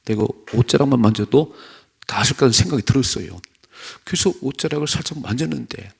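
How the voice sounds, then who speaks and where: A man preaching at a dawn prayer service, swinging between loud, emphatic points and hushed asides. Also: medium pitch, creaky, slightly rough. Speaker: pastor.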